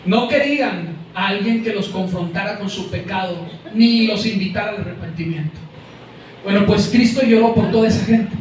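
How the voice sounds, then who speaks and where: A man's voice: high voice, moderate pace, a little mellow, slight background noise. A male pastor with a Mexican Spanish accent preaching a sermon, speaking directly to his congregation and calling out names. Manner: repeats words while searching for them. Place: church hall. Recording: very echoey room, voice from far off.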